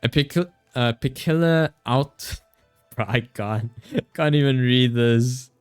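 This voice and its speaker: A VTuber streamer with a smooth, mid-range voice takes it slowly as he chats playfully with his viewers during a casual gaming livestream. He teases, laughs, and trips over game text he reads aloud, with soft music playing behind him.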